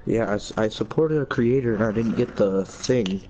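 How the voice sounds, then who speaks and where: A man's voice: lowish voice, normal speed, warm tone, faint music behind, poor audio. A man chatting with friends during a game, talking in a laid-back, offhand way. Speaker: friend in a party chat. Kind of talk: casual gaming chat.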